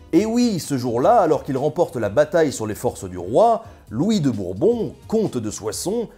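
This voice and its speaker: A young man tells history with jokey, ironic asides and a very animated, bouncing pitch. His voice sits low and mellow, with soft music under it. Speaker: history video host. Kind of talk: casual scripted history narration.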